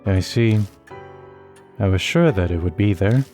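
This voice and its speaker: An eerie doll-like servant spirit from a horror game speaks in a flat, courteous monotone, voiced by a man reading her part. Her tone stays even and precise. Faint music sits behind the voice. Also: low voice, measured pace. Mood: formal. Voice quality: monotone, formal and polite.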